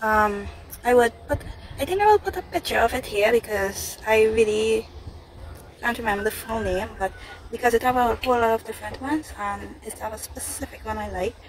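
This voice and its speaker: Fielding viewer questions in a relaxed vlog, a young Trinidadian-accented woman chats at a moderate pace with a fairly high pitch. She repeats herself a lot, and the home recording is noisy.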